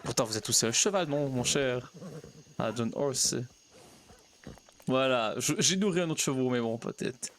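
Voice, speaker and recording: A man's voice: medium pitch, slight background noise. A man role-playing a naive pastor in a game, chatting to himself and coaxing his horse. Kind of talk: in-character role-play narration.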